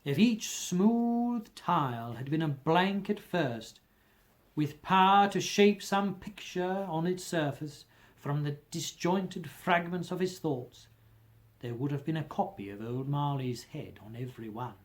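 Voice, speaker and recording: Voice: mid-range voice, lively intonation, unhurried. An amateur audiobook reader narrating a classic ghost story in a theatrical manner, with emphatic swells and drops in volume.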